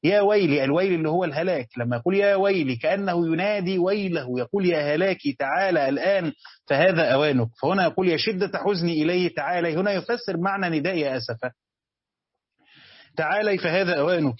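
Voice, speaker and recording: A man's voice: fairly high pitch, fast talker, breathy edge, no echo, dull audio. Egyptian man explaining a religious text. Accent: Egyptian Arabic. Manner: reads quoted text then explains it in colloquial speech, with hesitations. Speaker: teacher of Quran commentary. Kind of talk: classroom commentary on a text.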